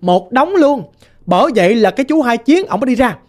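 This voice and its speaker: Lively Southern Vietnamese woman storyteller. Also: fairly high pitch, fairly quick. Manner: lively, vivid, sound-effect words. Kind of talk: ghost story narration.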